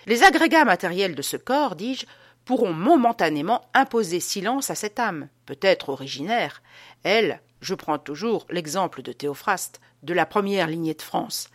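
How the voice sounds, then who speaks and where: A pompous gentleman lecturing his friends, stressing each point and pausing for rhetorical questions, read by a woman narrator. The voice sits fairly low and swings widely in pitch. The recording is dry and close. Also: lively intonation, no echo. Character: pompous man lecturing on souls.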